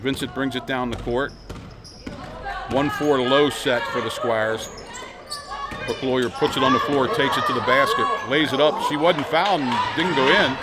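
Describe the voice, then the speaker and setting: A man giving fast live sports commentary on basketball in clipped, folksy, informal phrases. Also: medium pitch. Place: large indoor school gymnasium, from the stands. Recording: loud crowd and gym noise behind. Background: crowd, bouncing basketballs.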